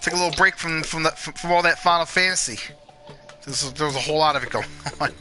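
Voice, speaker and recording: A man hosting a relaxed gaming session with friends, his voice sitting a bit high for a man. He's upbeat and jokey, firing off questions as he plays. Game music plays clearly underneath. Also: fast. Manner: upbeat, joking, asks lots of questions. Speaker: host of a gaming channel. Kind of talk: casual let's-play chat.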